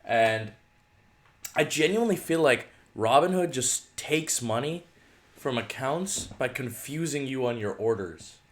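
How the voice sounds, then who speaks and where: A man's voice: mid-range voice, animated, measured pace. Frustrated man in an echoey room. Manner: frustrated, swearing, muttering while eating. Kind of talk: casual chat.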